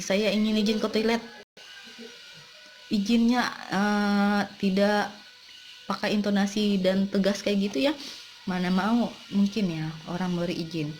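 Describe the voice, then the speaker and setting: A woman English teacher with an Indonesian accent, patiently explaining classroom phrases and repeating them slowly. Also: fairly low pitch, slight background noise.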